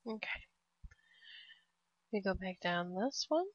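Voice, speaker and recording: A woman casually narrating a game walkthrough step by step, relaxed and prone to laughing. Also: medium pitch, slow pace, no echo. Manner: relaxed, laughs often, cheers at a blast. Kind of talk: casual gameplay commentary. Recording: dry, slightly dull lo-fi.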